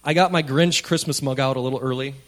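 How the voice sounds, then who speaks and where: A man's voice: mid-range voice, steady tone, fast. A man preaching a sermon as a pastor, talking directly and conversationally to his congregation. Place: speaking to a congregation at a church service.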